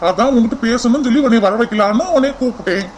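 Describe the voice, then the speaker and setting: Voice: mid-range voice, fast talker, a little hiss or hum, natural voice, low-quality recording. A voice actor playing an earnest cartoon suitor. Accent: Kanyakumari Tamil. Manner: coaxing, reassuring, repeats her name. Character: young man in love, earnest and coaxing. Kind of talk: cartoon voice acting.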